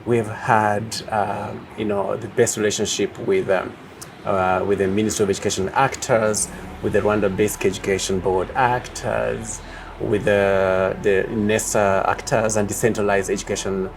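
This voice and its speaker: A man from Uganda answering interview questions as a project leader, speaking in a measured way with many pauses and fillers. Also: lowish voice, level tone, gravelly, background noise.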